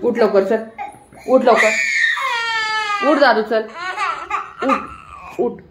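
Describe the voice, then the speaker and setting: A woman's voice: fairly high pitch, drawn-out words, roomy sound, heavy background noise. A young mother at home, talking to her small children in a sing-song, coaxing way and repeating her words. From Maharashtra, India. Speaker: mother and vlog host.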